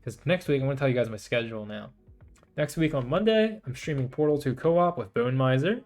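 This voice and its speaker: With expressive, brisk delivery and a slightly mellow medium-pitched voice, a man hosts a VTuber livestream, thinking aloud and rambling in a chatty way. Background guitar music runs under his voice.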